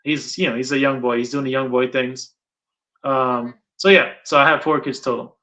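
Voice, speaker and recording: A man's voice: mid-range voice, steady tone, moderate pace, sharp tone. A middle-aged man from Guyana, chatting casually as an interviewer, rambling and repeating his points for emphasis. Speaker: interviewer and channel host. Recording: dull lo-fi sound.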